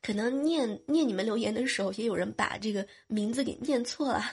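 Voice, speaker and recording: A woman's voice: fairly high pitch, fairly quick, darkish tone, breathy edge. A young woman hosting a podcast, reading listener messages aloud in a playful, teasing way while nursing a cold and a sore throat. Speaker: podcast host.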